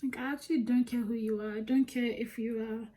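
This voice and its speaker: A young woman from Nigeria with a Nigerian accent, chatting candidly while doing her makeup, animated and quick to laugh. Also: a little high. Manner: candid, animated, laughs often, drops into whispers. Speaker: beauty vlogger. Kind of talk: chatty get-ready-with-me storytelling.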